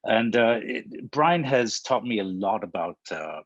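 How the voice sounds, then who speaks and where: A man from Hong Kong presents on a webinar over a video call. His low, husky voice halts often and circles back to repeat words. The sound is dry and close. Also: big pitch swings, fairly bright tone, no room sound, muffled recording. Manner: halting, restarts and repeats words. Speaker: panelist presenter.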